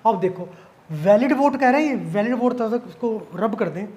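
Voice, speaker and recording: A man's voice: very high voice, animated, moderate pace, darkish tone. A male math teacher explaining an exam-prep lesson casually, asking questions and answering them himself.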